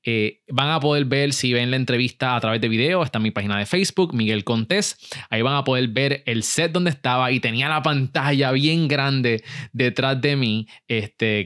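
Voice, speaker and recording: A man hosting a business podcast, upbeat and lively, with frequent fillers as he introduces a guest and interviews her. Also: mid-range voice, clean tone. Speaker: podcast host.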